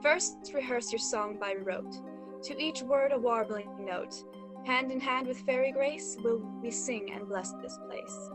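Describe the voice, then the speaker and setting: Brief: a woman plays a gentle fairy queen, high voice, music underneath. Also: measured pace. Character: graceful fairy queen leading a blessing. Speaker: student actor.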